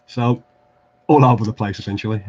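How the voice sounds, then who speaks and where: Speaking on the low side with fairly even intonation, this Midlands man talks a little fast in a darkish tone. The audio is dull, with a little hiss or hum. He is a casual craft streamer building tabletop terrain at his home desk, rambling, self-deprecating and often restarting amid plenty of fillers.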